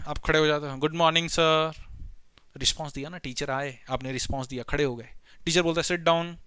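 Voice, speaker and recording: A man's voice: fairly high pitch, pushed and bright, smooth, no room sound. A man teaching a biology lecture in a playful way. He keeps asking questions and then answers them himself, and he calls his listeners his children. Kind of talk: classroom lecture.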